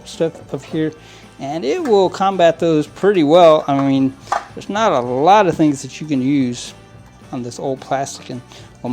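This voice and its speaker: A man with a fairly high, slightly mellow voice casually narrates cleaning a model train at his work table for his hobby channel. His how-to talk rambles, full of fillers and restarts, and he chuckles often.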